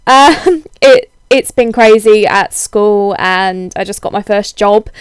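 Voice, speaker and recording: A young woman with a cold-hoarsened voice, chatting casually in a rambling, self-deprecating way as a video blogger. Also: on the high side, no echo. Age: young adult. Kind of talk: casual chatty vlog, answering tag questions.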